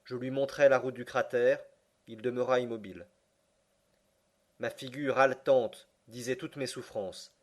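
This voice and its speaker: A man narrating an audiobook in a measured, even way. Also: medium pitch. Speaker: audiobook reader. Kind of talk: scripted narration.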